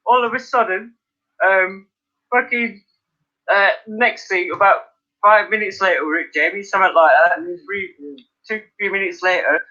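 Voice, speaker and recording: A man hosting a live stream from his attic, telling animated stories, laughing and swearing freely in casual chat. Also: high voice, moderate pace. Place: indoors by an open attic window. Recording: dull lo-fi stream audio.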